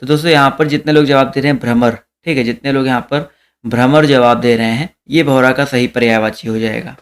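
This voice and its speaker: A young man leads a live online exam-prep lesson with a smooth, resonant voice. He reads out each question, repeats it, and calls out the answer to his viewers. His pitch sits at an ordinary middle height. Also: steady tone, fairly quick.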